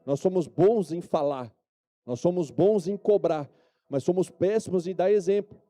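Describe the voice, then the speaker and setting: Brazilian pastor guy preaching in church, kinda high but super warm dark voice, keeps asking amen?. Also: moderate pace, faint music behind. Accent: Brazilian Portuguese. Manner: preachy, addresses the congregation with repeated calls for amen and yes-or-no. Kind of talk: sermon. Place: church service.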